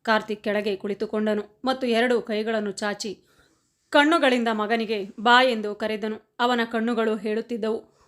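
A woman reading a family story aloud as scripted narration, in a steady, even voice. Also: on the high side, normal speed.

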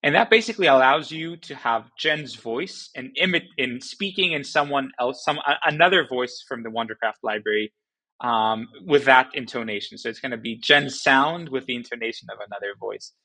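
A man talks through a software tutorial in a loose, conversational way, often pausing on fillers and restarting his sentences. His voice is bright and forward, at a middle pitch for a man. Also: poor audio. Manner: relaxed, with frequent fillers and restarts. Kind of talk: casual screen-recording walkthrough.

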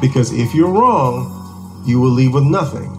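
Hosting a game show, a man walks a contestant through the game in a large TV studio as music and audience noise play behind him. He has a mid-range voice with lively intonation and speaks at normal speed.

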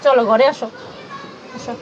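A woman's voice: fairly high pitch, steady tone, moderate pace, lo-fi sound, crowd noise, background noise. A woman, a mother and vlogger, coaxing and fussing over her toddler in a casual family home video.

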